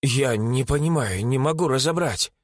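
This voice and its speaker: A man voicing an anxious young woman with psychic powers, who gives hurried, nervous reports. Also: mid-range voice, dry recording, clean studio sound, lightly acted. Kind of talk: audiobook character voice.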